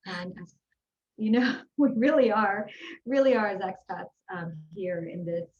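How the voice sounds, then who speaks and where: Speaking unhurriedly with lively intonation, a Houston, Texas woman who works as an executive and life growth coach answers interview questions in an upbeat, earnest, conversational way. Her mid-range voice has a darkish tone, and the video-call audio sounds lo-fi.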